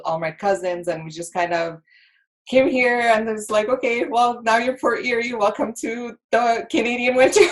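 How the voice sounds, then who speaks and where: Bubbly Egyptian-born woman guest. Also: fairly low pitch. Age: 30s. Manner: bubbly, laughs easily, many fillers. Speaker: podcast guest. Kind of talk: casual interview talk.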